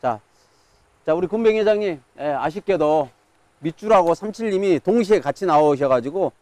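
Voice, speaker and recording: A man's voice: fairly high pitch, animated, moderate pace, dark tone, no echo. A man working as a live auctioneer, calling out bids, counts and sales in auction patter.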